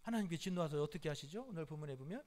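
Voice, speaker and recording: A male pastor delivers a sermon with insistent emphasis and a repetitive rhythm. His voice sits high, and he punctuates points with hallelujah. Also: expressive, rapid-fire, a little mellow.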